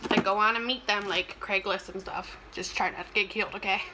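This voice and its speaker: A woman's voice: medium pitch, moderate pace. A young woman vlogger chatting casually and animatedly as she eats in front of a camera in a small room, sometimes talking between bites. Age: young adult. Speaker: mukbang vlogger. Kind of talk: casual chatty talk while eating on camera. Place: small plain indoor room. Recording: clear background noise, clicks.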